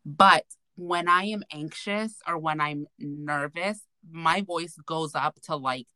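A woman co-hosts a casual podcast chat and tells her stories in a loose, rambling way full of little fillers. Her voice sits low but sounds bright and forward. The recording is dry and close. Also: slow, smooth, no echo. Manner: chatty, rambling storyteller with many fillers. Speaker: podcast co-host.

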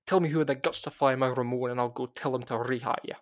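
A man voicing a loud, cheerful Scottish woman who runs a bookshop, speaking in a booming, boisterous way. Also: fairly even intonation, fast talker, lightly acted. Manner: bellowing, boisterous.

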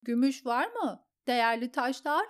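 A woman voicing a fierce young girl who fires off high, frantic questions. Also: animated. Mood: frenzied. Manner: high, rapid-fire shouted questions.

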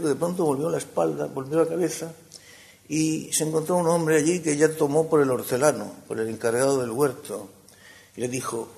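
A man preaching a sermon. He swings between emphatic rises and hushed, soft passages. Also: on the low side, vocal fry.

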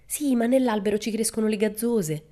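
A woman's voice: on the high side, brisk, dark tone, pitched above the performer's own voice, close to an everyday voice. Woman reader as a tidy, worried little boy, raised voice, storybook. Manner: anxious and imploring.

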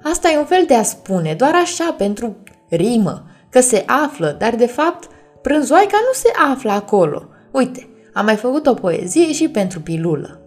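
A woman's voice: a little high, very animated, a little mellow, soft background music. A woman voicing a clumsy, boastful boy poet who is proud and stubborn, in a storybook reading. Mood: proud, eager. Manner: eager, proud, innocently stubborn.

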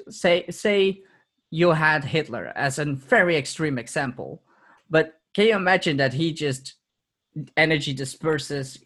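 A man's voice: mid-range voice, fairly bright tone. Reflective man, laughing podcast guest. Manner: reflective, laughs often, repeats words when restarting. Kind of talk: casual interview chat.

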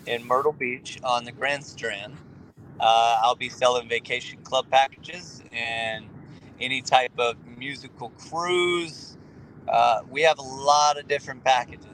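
A sociable man speaks with a faint Louisiana Southern accent at a middling pitch. He chats casually as a podcast guest in a laid-back manner, with light noise humming behind him. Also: fairly bright tone, rough recording. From Louisiana, United States. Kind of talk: casual chat.

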